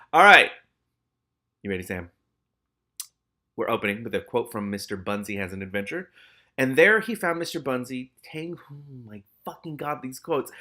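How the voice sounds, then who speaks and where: Reading a novel dramatically, a man keeps interrupting himself with casual, exclamatory and sweary reactions. His voice sits at medium pitch and sounds pushed and bright.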